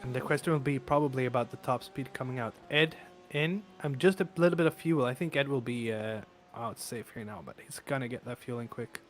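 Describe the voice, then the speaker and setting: A man calling a sim race live, talking through his race-day hoarseness with lots of fillers and restarts. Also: mid-range voice, a little fast, hardly any pauses, faint music behind. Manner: excitable, many fillers and restarts. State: voice wearing out. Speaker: race commentator. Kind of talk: live sim racing commentary. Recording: noisy stream with engine sounds. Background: race car engine noise.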